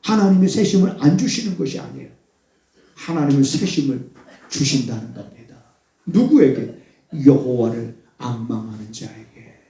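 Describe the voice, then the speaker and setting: A middle-aged male pastor preaching a sermon in a church, speaking quietly as he explains and then rising into loud, high exclamations. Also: expressive, moderate pace. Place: church sanctuary. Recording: echoey church, voice from a distance.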